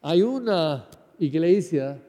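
Earnest priest with an American accent. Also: male voice, fairly high pitch, lively intonation, warm tone, big-room sound. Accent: American English. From United States. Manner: slow, earnest preaching with non-native phrasing. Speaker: parish priest. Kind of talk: Sunday homily.

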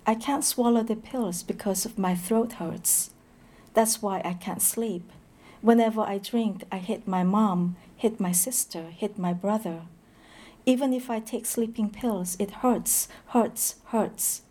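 A woman reads poetry aloud in a slow, measured way, stopping now and then to introduce a piece with hesitant fillers. Her voice is dark and mellow, and her pitch sits in a middle range. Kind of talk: poetry reading with brief spoken introductions.

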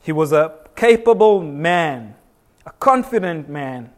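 Man, young, from Kenya, preacher, sermon, earnest, repetitive emphasis, slightly high voice. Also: lively intonation, slow. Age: young adult. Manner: earnest, repeats phrases for emphasis, frequent restarts.

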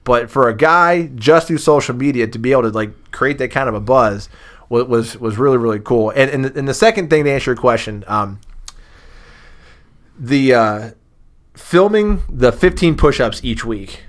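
A man, a former booster club president, chatting on a podcast and telling lively anecdotes. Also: medium pitch, normal speed. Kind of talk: casual podcast storytelling.

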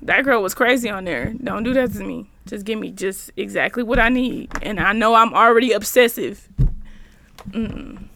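A woman's voice: medium pitch, normal speed, vocal fry, pushed and bright, a little hiss or hum. A young woman co-hosting a podcast in casual chat, blunt and profane, laughing often. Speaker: podcast co-host.

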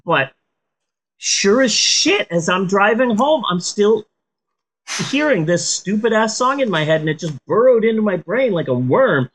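A woman chatting casually as a comedic podcast host in a stoned, rambling drawl, swearing freely and joking deadpan. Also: mid-range voice, moderate pace, breathy edge, low-quality recording.

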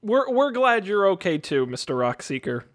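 A man's voice: sits high, very animated, moderate pace, fairly bright tone. A man chatting casually and playfully as a player in a tabletop game. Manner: playful, jokey. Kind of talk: casual joking game chat.

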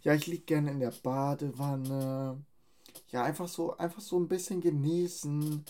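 A man, trading crude jokes in casual banter as a podcast co-host, with deadpan, mumbled asides. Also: a little high, measured pace.

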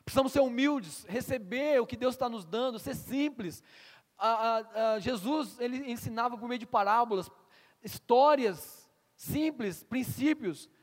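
Pastor, male, high voice, preaching sermon, asks the room questions, long church reverb. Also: measured pace. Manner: stammers on restarts, asks the congregation questions.

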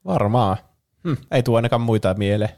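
A man's voice: medium pitch, expressive, darkish tone. A man co-hosting a podcast, chatting casually and adding short, dry comments. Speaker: podcast co-host. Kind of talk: casual chat.

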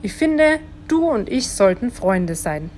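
A woman's voice: fairly high pitch, sing-song, slow pace, a little mellow, a little hiss or hum. A woman voicing a cheeky, easygoing little male earthworm in a children's storybook, cheerful and a bit bossy.

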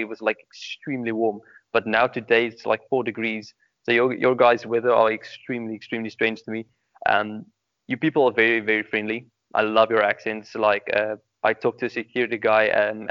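In a relaxed interview, a young adult guest from South Africa speaks with his native accent, sounding earnest, repeating himself, filling gaps with "um," and saying "extremely" a lot. His voice is fairly low and smooth without echo, captured in a dry, dull lo-fi recording.

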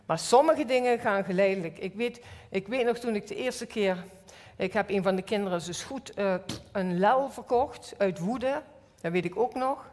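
A woman's voice: medium pitch, normal speed, darkish tone. A middle-aged woman with a Limburg Dutch accent, giving a personal church sermon and telling stories with acted inner voices. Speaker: church speaker. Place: church hall. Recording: long hall reverb.

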